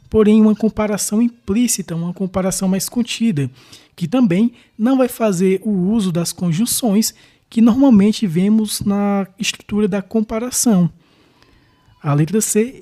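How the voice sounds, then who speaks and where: Methodical Brazilian teacher, warm and relaxed, talking students through exam answers. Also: medium pitch, moderate pace. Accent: Brazilian Portuguese. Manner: methodical, explains step by step. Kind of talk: exam question walkthrough.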